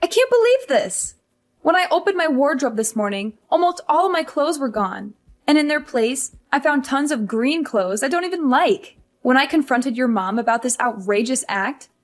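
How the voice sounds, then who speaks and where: A woman voicing a frustrated young career wife who pleads and complains about her mother-in-law. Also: high-pitched. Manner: pleading, exasperated. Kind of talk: animated story voice acting.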